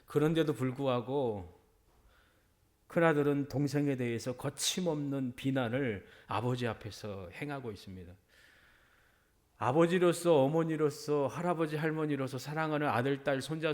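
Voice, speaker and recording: A man's voice: medium pitch, a little mellow. A middle-aged man preaching a sermon as pastor, repeating phrases for emphasis and voicing quoted speech.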